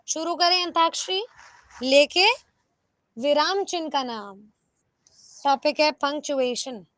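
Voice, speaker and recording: A young woman teaching an online exam-prep class in a lively, coaxing way, often asking her students rhetorical questions. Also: high-pitched, no room sound. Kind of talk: live online class, Hindi mixed with English.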